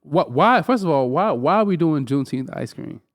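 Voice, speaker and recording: Male podcast host, fairly high voice, casual and animated, piles up repeated words. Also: a little fast. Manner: animated, repeats words when making a point. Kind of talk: casual chat.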